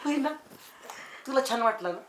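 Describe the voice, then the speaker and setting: A man's voice: very high-pitched, animated, moderate pace, a little hiss or hum. An actor playing a brash lovesick young village man, boastful and full of rustic banter. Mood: sweet-talking. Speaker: lovesick suitor. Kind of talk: village comedy acting.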